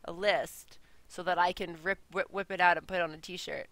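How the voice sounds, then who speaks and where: A woman co-hosting a casual podcast chat over a call, giggly and animated. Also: lowish voice, brisk, dry recording. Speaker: podcast co-host.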